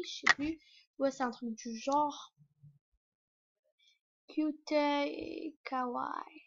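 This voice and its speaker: A young woman vlogging in a rambling, hesitant way, full of fillers and restarts. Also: high-pitched. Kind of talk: casual rambling vlog. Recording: dull lo-fi recording.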